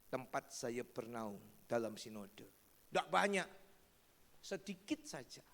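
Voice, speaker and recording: A man preaching a sermon as pastor, animated and storytelling, acting out family members' voices. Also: medium pitch, takes it slowly, creaky. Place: large church hall. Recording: long church hall reverb.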